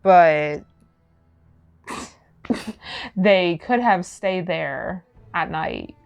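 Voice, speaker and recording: A woman's voice: on the low side, very slow, gravelly, dull audio, soft background music. A young woman co-hosting a podcast, chatty and giggly as she reads out her research notes. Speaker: podcast co-host presenting research. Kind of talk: casual podcast chat. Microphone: studio mic.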